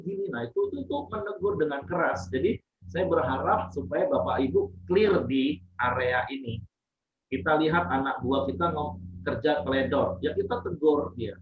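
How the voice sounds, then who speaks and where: A man's voice: medium pitch, reverberant, far from the mic, lo-fi sound. A man leading a devotional gives a casual sermon, teaching plainly and repeating his points to his listeners. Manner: plain, repetitive teaching, addresses listeners as Bapak Ibu.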